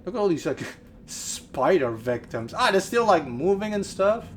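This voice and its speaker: A man giving informal, expressive, slangy commentary on a video game, mixing play with review remarks. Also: high-pitched, moderate pace, slight background noise.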